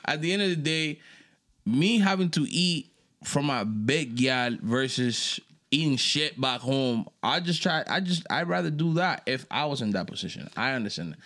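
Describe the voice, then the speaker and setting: A laid-back young man from the Dominican Republic co-hosts a podcast, chatting casually and swearing freely. His intonation is lively and his pace moderate, as he shifts from low mutters to loud bursts of laughter.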